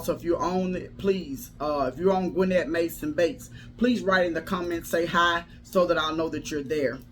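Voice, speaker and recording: A woman life coach giving a casual motivational livestream talk in a folksy, preacherly manner, repeating phrases for emphasis. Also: lowish voice.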